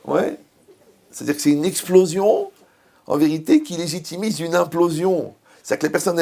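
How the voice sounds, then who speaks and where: A man's voice: fairly high pitch, vocal fry. A man giving a Torah lecture as a rabbi, mixing jokes with rhetorical questions to his audience. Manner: joking, asks rhetorical questions.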